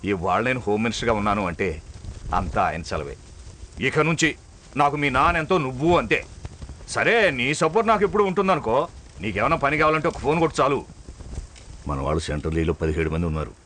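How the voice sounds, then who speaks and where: An actor playing a home minister who makes calm, patronizing promises of favors. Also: male voice, mid-range voice, fast, long pauses, a little hiss or hum. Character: smooth-talking male home minister, patronizing. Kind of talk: film dialogue.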